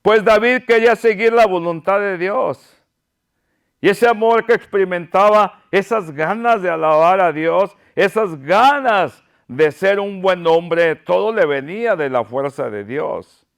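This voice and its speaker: Slow fervent high-voiced male pastor. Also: lively intonation, gravelly, clean tone. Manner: fervent, pleading preaching with repeated phrases. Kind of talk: sermon.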